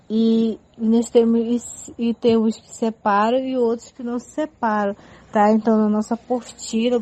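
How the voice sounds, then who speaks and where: Slow, mellow-voiced woman teacher. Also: mid-range voice. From Amazonas, Brazil. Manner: slow, patient, spells out letters and example words. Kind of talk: radio audio lesson.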